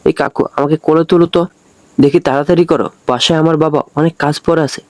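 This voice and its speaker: A man's voice: on the high side, fairly even intonation, fast, no room sound, close to an everyday voice. A man voicing a bossy, fearless little girl. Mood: bossy scolding. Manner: scolding, cheeky.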